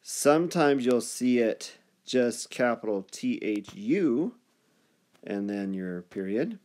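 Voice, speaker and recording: Slow-paced man dictating spellings. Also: medium pitch, animated, a little mellow. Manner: dictating, spelling out letters and punctuation deliberately. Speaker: third-grade teacher. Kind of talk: grammar video lesson.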